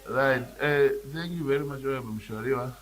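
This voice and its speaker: Man, Zimbabwean accent, middle pitch, chairing parliament, procedural delivery, hesitant repetitions. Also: brisk. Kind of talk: presiding over a debate.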